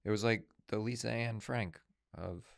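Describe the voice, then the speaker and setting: Brief: male podcast co-host, gravelly low voice, dry and halting. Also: steady tone. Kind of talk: casual movie chat.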